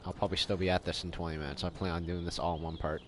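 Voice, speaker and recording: Deep-voiced man doing casual game commentary. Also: flat delivery, racing, fairly bright tone, slight background noise. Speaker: game streamer.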